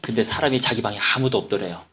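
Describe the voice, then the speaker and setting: Korean pastor telling a story in a sermon. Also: male voice, fairly low pitch, quick pace, slight background noise. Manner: animated storytelling with acted quotes. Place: church.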